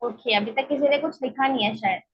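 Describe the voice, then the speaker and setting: A woman teaching an online English grammar class, explaining slowly and step by step and often checking that students follow. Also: sits high, husky. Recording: dull lo-fi online class audio.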